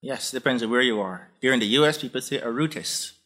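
Husky Jamaican man telling stories. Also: medium pitch, fast talker. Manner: relaxed, anecdotal, frequent restarts. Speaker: guest, professor. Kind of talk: conversational interview storytelling.

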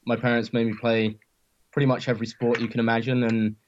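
English guy, home counties accent, pretty flat delivery, modest n hesitant, kinda dull lo-fi audio. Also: mid-range voice, fast talker, slight background noise. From Surrey, England. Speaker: interview guest, professional ice hockey player. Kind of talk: casual interview.

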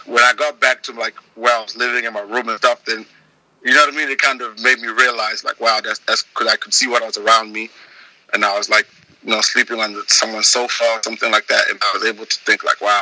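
A man's voice: fairly low pitch, fast talker, low-quality recording. A young man from Zimbabwe, a music producer, talking casually as an interview guest with lots of restarts and fillers. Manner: relaxed, rambling with many restarts.

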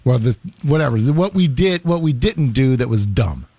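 A man's voice: medium pitch, moderate pace, dry recording. A man co-hosting a sports radio show, chatting casually and telling joking stories into a studio microphone. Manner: animated, joking storyteller.

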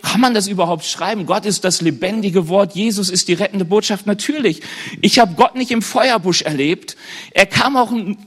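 Delivering a sermon to a live congregation, a man with a notably high, slightly bright voice keeps things conversational. He frequently checks in with his listeners by asking questions and slips in light humorous asides.

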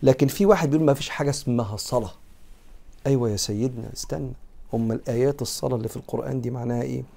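A man's voice: medium pitch, very fast, gravelly, dark tone. A man with an Egyptian Arabic accent giving a religious lesson, moving between quoted classical text and earnest, conversational explanation. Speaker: preacher teaching a creed text.

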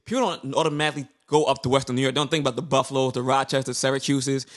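A young man chatting casually, telling stories with lively acted-out reactions. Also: medium pitch, very fast. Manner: animated storyteller who acts out his own past reactions. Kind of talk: casual chat.

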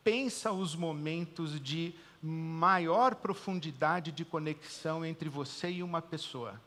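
A Brazilian pastor preaching in a sermon, his voice bright and forceful and pitched a little high for a man. He swings from loud, emphatic declarations to quiet, hushed pauses. His words ring out with a long church-hall reverb. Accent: Brazilian Portuguese.

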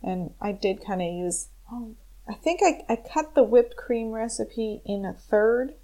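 A woman's voice: a little high, measured pace, warm tone. A woman co-hosting a podcast in casual, conversational talk. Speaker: podcast co-host. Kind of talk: casual chat.

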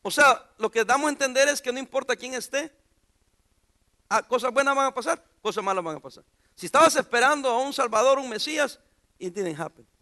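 A man's voice: very high-pitched, brisk, bright, forceful tone. A pastor preaching an informal sermon in a church, joking and putting questions to his congregation.

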